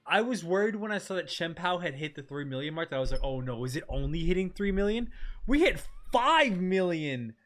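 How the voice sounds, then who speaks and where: A man livestreaming a game in casual, slangy, excitable chat, often exclaiming and repeating his phrases. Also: on the high side, a little fast. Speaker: game streamer.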